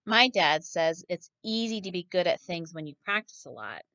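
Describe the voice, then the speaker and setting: Expressive and forceful, a woman with a fairly low, bright voice reads a children's picture book at normal speed like a teacher, turning often to question the kids listening. The audio has no room sound, and its highs are cut off.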